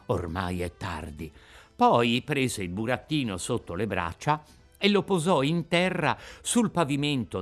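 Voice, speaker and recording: Lively storytelling man. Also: mid-range voice. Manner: expressive storytelling, voice rising and falling. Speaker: narrator. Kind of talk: scripted narration. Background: faint music.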